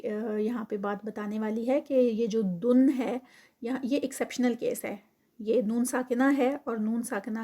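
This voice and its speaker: Female tajweed teacher, fairly high voice, brisk explanations broken by slow, stretched recitation. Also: a little mellow. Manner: explains rules briskly, then recites words slowly and drawn out; mixes English terms into her explanations. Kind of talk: tajweed lesson explaining rules.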